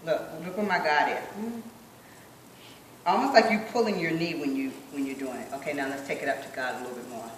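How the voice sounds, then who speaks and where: A woman instructor coaching a group rehearsal, encouraging them and slowly repeating phrases as she demonstrates. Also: deep voice, reverberant, far from the mic, background noise. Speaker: sign language dance instructor.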